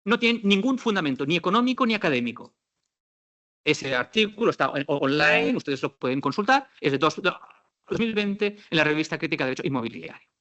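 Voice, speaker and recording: Bright-voiced Spanish academic man lecturing. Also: a little high, a little fast, lo-fi sound. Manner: lively, ironic, acts out quoted dialogues. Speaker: conference speaker, housing law professor. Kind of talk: academic conference talk.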